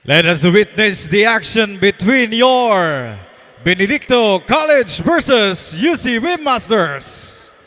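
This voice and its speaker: A man's voice: high voice, sing-song, slow pace, a bit bright. A man with a Filipino accent announcing in a hyped arena style, stretching out names like a fighting game announcer. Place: large indoor arena over PA. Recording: long echoing arena PA reverb.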